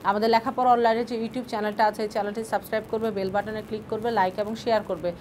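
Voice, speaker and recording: A woman's voice: medium pitch, little pitch movement, rapid-fire, darkish tone, slight background noise. A woman teaching an online grammar class, asking questions and answering them herself, patient and repeating key points.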